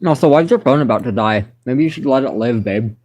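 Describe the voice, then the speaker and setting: Guy chatting with his friend, kinda halting, lots of ums, mid-range voice. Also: medium pitch, animated, a little mellow. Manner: halting, trails off with fillers. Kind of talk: casual chat.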